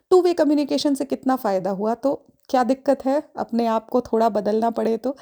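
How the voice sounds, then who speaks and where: A middle-aged woman from India talks through parenting advice in an earnest, reflective podcast monologue, dropping English phrases into her speech. Her voice sits a little high and has a mellow, warm tone. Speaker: podcast host.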